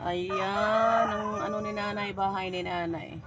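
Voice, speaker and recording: A woman's voice: mid-range voice, fairly even intonation, unhurried, a bit bright, a little hiss or hum. Breathless woman vlogging outdoors. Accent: Cebuano. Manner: breathless, chatty, laughing often. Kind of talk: casual vlog, walking and chatting. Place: outdoors, hillside village.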